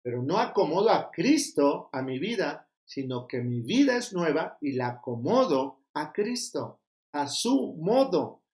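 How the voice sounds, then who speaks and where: A middle-aged Mexican pastor preaching a sermon, scolding and emphatic, firing rhetorical questions at the congregation. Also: male voice, a little high, big pitch swings, unhurried, darkish tone. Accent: Mexican Spanish.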